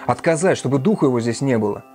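A man's voice: medium pitch, fairly quick, dark tone, faint music behind, pitched above the performer's own voice, close to an everyday voice. A man voicing Raskolnikov, feverish and irritable. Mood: commanding. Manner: irritable, commanding. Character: feverish, irritable young man, sick and exhausted.

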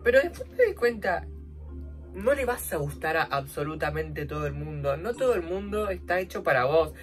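A young woman with a Rioplatense Spanish accent tells a dramatic, slang-filled story while doing her makeup for a vlog, jumping from loud outbursts to quiet asides. She sounds very animated and talks at a moderate pace, with faint music behind her.

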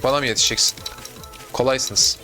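A young adult man doing casual gameplay commentary, excitable, talking to himself and viewers with sudden yelps. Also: mid-range voice, fairly quick, faint music behind. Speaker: gaming YouTuber.

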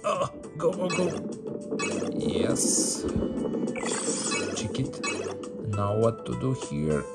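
Here the male gaming video host has a mid-range voice marked by huge pitch swings, drawn-out words and vocal fry. Sitting in an indoor room with a tablet, he offers laid-back mobile game commentary in choppy phrases, repeating words often, over background game music.

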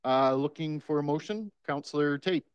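A man with a slightly high voice chairs a council meeting in a brisk, polite, procedural way. He speaks into a desk microphone, and the sound is dry and close with little room echo. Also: clear, resonant tone, dull audio. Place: council chamber.

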